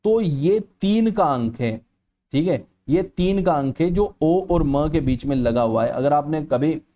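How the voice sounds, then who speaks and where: Man, teacher, exam-prep lecture, slightly high voice, explanatory, stretches vowels as examples. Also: lively intonation, a little slow, mellow. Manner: explanatory, repeats "ठीक है" often; stretches vowels aloud to demonstrate.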